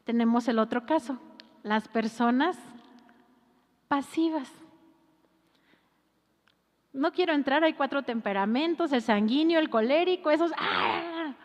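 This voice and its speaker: Animated woman preaching in a hall. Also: high voice, measured pace, long pauses. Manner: animated preaching, acts out scolding voices. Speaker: pastor. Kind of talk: sermon. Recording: reverberant hall, dull lo-fi sound.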